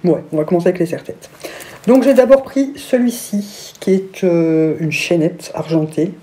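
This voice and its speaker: A woman talks casually through a haul on camera and gushes over everything she shows. Her voice sits low for a woman and has a very dark, mellow tone. She now and then drops into a soft whisper. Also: normal speed. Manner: gushing, enthusiastic, exclamatory. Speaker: vlogger.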